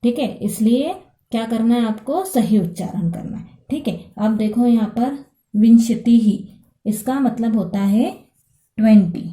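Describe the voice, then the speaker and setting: A woman teaching a Sanskrit lesson online, talking slowly, checking understanding often, and reading out number words loudly. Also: fairly high pitch, roomy sound. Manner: slow, repeats "ठीक है" to check understanding; reads numbers aloud louder, with English equivalents.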